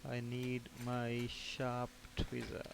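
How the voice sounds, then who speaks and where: This man speaks slowly in a monotone, mid-range voice while teaching an informal step-by-step technical lesson. As a repair technician instructor, he explains things by raising questions and supplying the answers himself, against a clear background.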